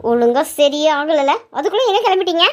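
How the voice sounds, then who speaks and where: A woman doing a sulky, squeaky young cartoon woman. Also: lively intonation, fairly quick, soft background music. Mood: insistent. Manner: pouting and insistent. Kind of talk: cartoon voice acting.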